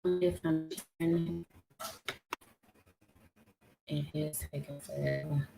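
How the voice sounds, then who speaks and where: A woman hosting a casual livestream, talking slowly and haltingly with many fillers and restarts. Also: sits low, fairly even intonation, vocal fry. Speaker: livestream host. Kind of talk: casual livestream talk about history. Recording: echoey room with faint guitar music.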